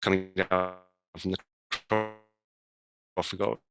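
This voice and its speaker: A crofter presenting over a video call, speaking in a halting, explanatory way while his audio breaks up as the stream quality drops. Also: deep voice, little pitch movement, creaky, background noise. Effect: audio breaking up over a dropping video call stream. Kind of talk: informal presentation.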